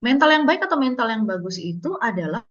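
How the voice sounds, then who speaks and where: A woman's voice: on the high side, expressive, fast, highs cut off. Chatty woman giving a webinar talk. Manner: chatty and encouraging, acts out little dialogues, laughs often. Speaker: webinar speaker on emotional wellbeing. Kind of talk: casual webinar talk to an audience.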